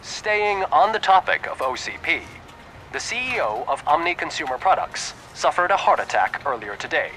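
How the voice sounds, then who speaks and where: An actor playing a brisk, formal television news anchor reading a scripted bulletin in a video game. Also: male voice, fairly high pitch, very animated, bright, forceful tone, a little hiss or hum, poor audio. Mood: formal, crisp.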